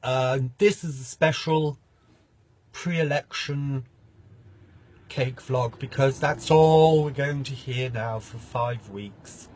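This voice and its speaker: A man's voice: mid-range voice, slow pace, a little mellow. A man vlogging casually, ranting in a mocking, opinionated way and sometimes talking with his mouth full.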